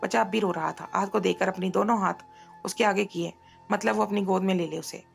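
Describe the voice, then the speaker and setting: Brief: female novel narrator, very gravelly, faint music behind. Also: medium pitch, fairly even intonation, fairly quick. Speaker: audiobook narrator. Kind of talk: reading a romance novel aloud.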